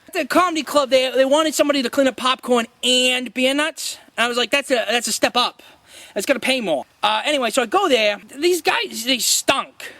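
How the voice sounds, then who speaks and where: A man playing a deluded, boastful washed-up circus prop comic who rambles haltingly and defensively in a mock-documentary interview. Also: very high voice, sharp tone, dry recording. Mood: rambling, self-important.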